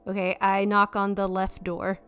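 A woman's voice: mid-range voice, monotone, moderate pace, fairly bright tone, smooth, faint music behind. A woman playing a tabletop game, speaking casually and amused. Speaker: player.

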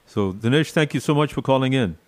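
A man hosting a casual live radio call-in show, speaking haltingly and repeating phrases. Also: mid-range voice, lively intonation. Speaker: radio talk show host.

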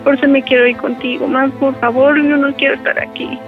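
Man doing a distraught young woman, tearful, pleading, high voice, tinny phone line. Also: little pitch movement, fairly quick, soft background music.

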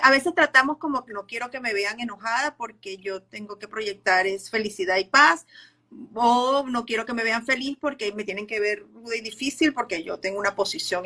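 A woman hosts a live-streamed interview, her voice high and very bright. She chats casually, using fillers and relating the topic to everyday examples. Her speech is loose and conversational. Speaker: host. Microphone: live video stream.

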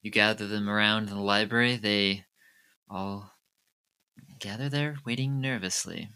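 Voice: medium pitch, fairly even intonation, measured pace, sharp tone, smooth, no echo. A game master narrating an improvised tabletop game casually, in a playful, reactive way. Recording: background music.

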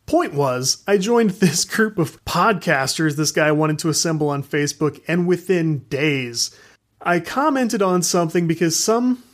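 A man's voice: fairly high pitch, measured pace. A man hosting a podcast in a casual monologue, ranting frankly, laughing often and swearing freely. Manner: animated, laughs while talking. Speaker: podcast host.

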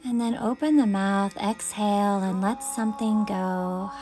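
A woman leading a guided meditation, speaking in soft, soothing invitations. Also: mid-range voice, steady tone, unhurried, soft background music.

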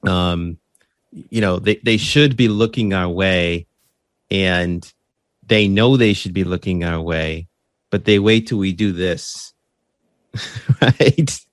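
A deep-voiced man takes his time, pausing often, as he describes running his podcast in a casual interview, captured in studio quality without echo. As the interviewed host, he stays earnest and conversational, peppering his talk with "right?" and frequent restarts and repeated words.

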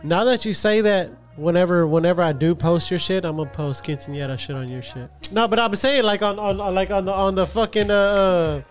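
A man's voice: high-pitched, a little fast, hardly any pauses, soft background music. A man hosting a podcast, chatting loosely with slang, swearing and tripping over his words. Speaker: podcast host. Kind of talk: casual podcast chat.

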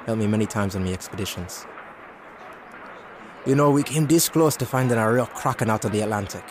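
An actor playing an old retired field agent of the sea, gruff and folksy with old-fashioned phrasing, in an audio drama. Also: male voice, fairly low pitch, a little fast, natural voice. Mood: warm, reminiscing. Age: older. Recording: clear outdoor dockside noise behind.

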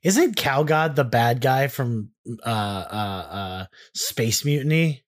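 A man's voice: mid-range voice, lively intonation, slow. A man with a slight Texan accent co-hosting a podcast, trading wry, sarcastic comebacks in a casual chat. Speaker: podcast co-host.

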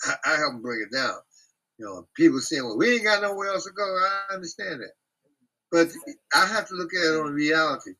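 A man hosting a casual group talk, speaking bluntly and profanely in an animated rant. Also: on the high side, fairly quick, rough recording.

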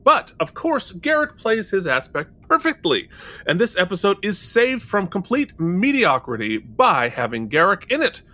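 Lively, bright-voiced jokey man. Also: sits high, normal speed. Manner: animated and jokey, laughing often. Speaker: podcast co-host. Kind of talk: casual chat.

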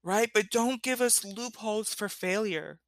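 A woman content creator hosts a solo show, addressing her followers directly with impassioned, emphatic commentary, repeating key phrases and checking in along the way. Her mid-range voice is a little slow, and the sound is dry and clean, like a studio.

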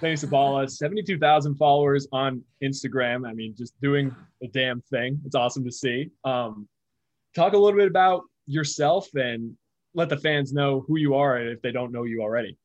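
A man co-hosting a podcast interview in a relaxed way, stumbling over words and laughing along with his guest. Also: medium pitch, moderate pace, dry recording. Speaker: podcast co-host. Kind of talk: casual chat.

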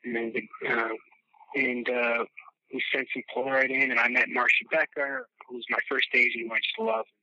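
Gravelly, bright-voiced rambling storyteller man. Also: medium pitch, moderate pace. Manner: rambling, animated, swears casually, laughs at own stories. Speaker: podcast guest, former child actor. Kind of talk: casual storytelling chat. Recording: dull, dry lo-fi sound.

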